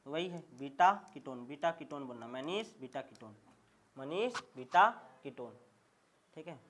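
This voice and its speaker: A brisk male chemistry lecturer with a medium-pitched, slightly bright voice and a faint hiss or hum drills his class call-and-response style. He asks every question twice, repeats the answers, and emphatically checks often that students are following.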